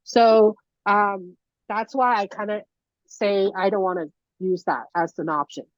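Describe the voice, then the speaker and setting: A young Taiwanese woman, a native Mandarin speaker, teaches a casual conversational lesson in a chatty way, full of fillers and restarts. Her medium-pitched voice moves at a measured pace, and the dry recording has the dull lo-fi sound of a video call.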